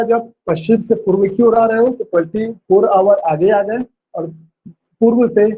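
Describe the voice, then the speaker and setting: A male teacher dictating class notes, repeating each phrase slowly so students can write it down. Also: high-pitched, slightly rough. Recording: tinny phone-like audio.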